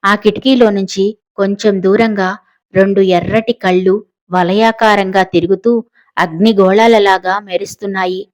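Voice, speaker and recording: A woman narrating a suspense novel in steady storytelling style. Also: mid-range voice, normal speed. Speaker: audiobook narrator. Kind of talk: scripted narration.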